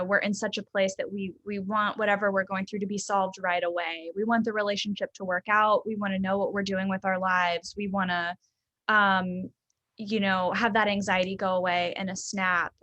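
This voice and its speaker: A young woman from the Southern United States, a therapist, talks casually and thoughtfully in an interview, with frequent ums and soft laughs. Her voice is medium-pitched, and the audio is dull with no room sound.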